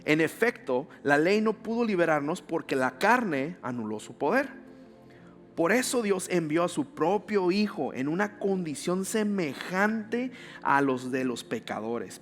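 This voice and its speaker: Pastor preaching a conversational sermon. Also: male voice, fairly high pitch, very animated, unhurried, soft background music. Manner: conversational, with rhetorical questions.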